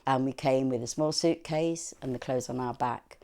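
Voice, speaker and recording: A woman's voice: very deep voice, moderate pace, vocal fry, dark tone. A woman, telling her family story earnestly in a news interview. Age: 60s.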